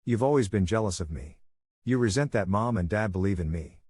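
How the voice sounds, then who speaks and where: A man's voice: on the low side, lively intonation, brisk, a little mellow, breathy edge, no echo. A man reading the lines of a defensive, accusing grown sister in a narrated story. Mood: angry. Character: grown woman, resentful spoiled sister.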